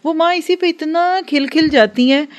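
A woman's voice: high voice, normal speed. A woman giving an earnest religious lecture to a class, advising and acting out everyday dialogues. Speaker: religious teacher.

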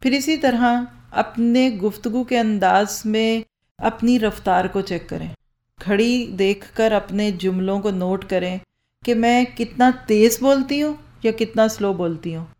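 A woman's voice: on the high side, unhurried, darkish tone. Woman lecturing on a microphone. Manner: rhetorical questions, answered herself. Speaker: speaking-skills trainer. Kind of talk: lecture to a live audience. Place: lecture hall with rows of listeners. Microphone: handheld or stand microphone.

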